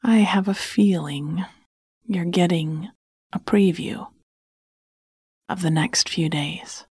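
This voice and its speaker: A woman reading a story in a quiet whisper, voicing an amused man remarking on his pets. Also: fairly low pitch, slow pace, husky, no echo, studio quality, exaggerated voice. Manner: wry, amused. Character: amused man, dog owner.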